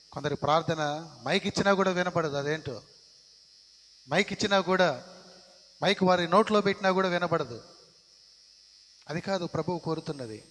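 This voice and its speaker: In the sanctuary of a church, a man with a high, slightly bright voice delivers a sermon as pastor. Phrases get repeated for emphasis, and the recording carries the long reverb of the church hall.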